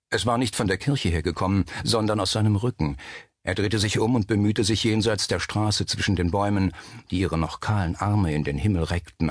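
A man reading a suspense novel aloud as narrator, measured and steady. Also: sits low, husky, no echo, clean studio sound. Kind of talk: scripted audiobook narration.

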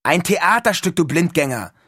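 A man reading an audiobook and voicing an impulsive, enthusiastic teenage boy, speaking loudly and emphatically in a husky voice. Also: sits high, animated, a little fast, no room sound, studio quality, voice pushed up, heavily acted. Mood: excited. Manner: loud and emphatic, swept up in enthusiasm. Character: eager excited teenage boy, impulsive dreamer.

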